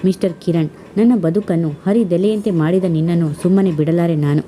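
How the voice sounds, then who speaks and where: A woman's voice: on the low side, fairly even intonation, fairly quick, warm tone, a little hiss or hum, lightly acted. A woman voicing a bitter, defiant young student. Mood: vengeful.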